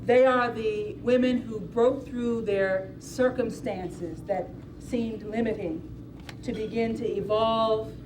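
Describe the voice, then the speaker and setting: A woman presents at an event in a fairly high voice, speaking slowly and deliberately. She is picked up from a distance, with clear background noise. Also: fairly even intonation. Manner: slow, deliberate. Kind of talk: formal announcement speech.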